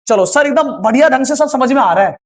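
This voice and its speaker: Teacher doing a keen young student, polite, keeps saying yes sir and asking for more. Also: male voice, extremely high pitch, expressive, fast talker. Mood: eager.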